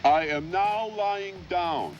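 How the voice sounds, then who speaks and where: An actor playing a big, dumb, simple-minded film henchman with a slow delivery. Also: sits high, faint music behind. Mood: dim wonder. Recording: echoey, muffled old film audio.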